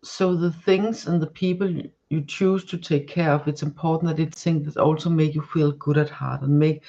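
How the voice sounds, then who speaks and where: During a live-streamed tarot session, a woman whose first language is Danish keeps stopping and restarting as she gropes for words, filling gaps as she goes. She speaks at a moderate pace in a low, steady, mellow voice. The high frequencies are cut off.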